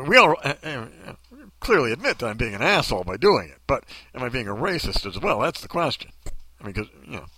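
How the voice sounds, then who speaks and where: Sardonic male podcast host, lively pitch. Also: moderate pace, breathy edge, no room sound. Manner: sardonic, joking, self-mocking. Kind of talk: casual podcast commentary.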